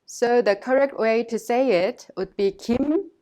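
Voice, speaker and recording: A woman teacher giving a scripted language lesson in a measured, instructive way, pausing to model phrases for listeners to repeat. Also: on the high side, mellow.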